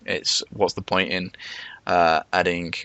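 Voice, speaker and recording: A man's voice: deep voice, flat delivery, slow, gravelly, sharp tone, clear, resonant tone, no echo. A man with whistling S sounds, giving a rambling, self-deprecating, unscripted narration as a game developer.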